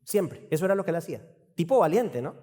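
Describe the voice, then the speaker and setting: Male pastor, fairly high, mellow voice, church reverb; animated expository preaching with rhetorical questions. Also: fast. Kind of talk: expository sermon.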